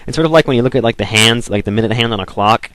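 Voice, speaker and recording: A young Southern American man rambles casually over a video game, constantly saying "like" and restarting his sentences. His mid-range voice is fairly bright and races along, and the recording is dry.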